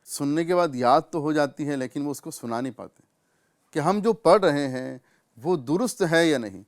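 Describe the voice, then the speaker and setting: A man with a Pakistani Urdu accent teaching correct recitation, explaining patiently and drawing out individual sounds slowly as examples. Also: on the high side, lively intonation. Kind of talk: tajweed lesson with recitation examples.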